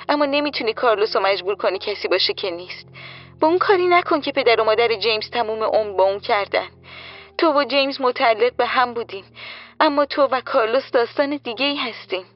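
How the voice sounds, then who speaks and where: A woman's voice: fairly high pitch, lively intonation, dull audio, soft background music, pitched above the performer's own voice. A woman voicing a nosy, worried young friend in an audiobook, asking insistent anxious questions. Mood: earnest. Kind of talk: audiobook character voice.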